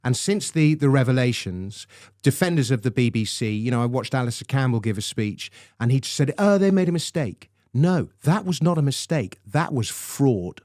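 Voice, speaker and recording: A man's voice: mid-range voice, expressive, normal speed, darkish tone, no echo. A man speaking as a guest commentator in a studio discussion, indignant and emphatic.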